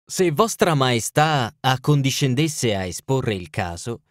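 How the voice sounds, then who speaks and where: A man's voice: mid-range voice, very animated, unhurried, dry recording. A man playing a dry, aloof detective. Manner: dry, clipped, languid. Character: languid, sharp-witted male detective, dry and aloof.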